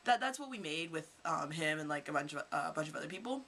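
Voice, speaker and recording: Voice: medium pitch, expressive, fast talker, bright, forceful tone. A teenage vlogger from Kentucky telling rambling stories to camera in a casual, chatty way. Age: teens. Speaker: vlogger, high school student.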